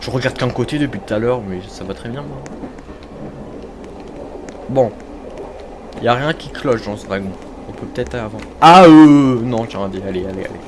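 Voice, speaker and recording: A man chats through his game, teasing himself and addressing his viewers in a loose, casual way. His voice sits at an ordinary middle pitch, with clear game noise and ambience behind him. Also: moderate pace, long pauses. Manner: chatty, self-mocking, talks to viewers. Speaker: gamer. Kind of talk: casual let's-play commentary. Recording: noticeable background noise.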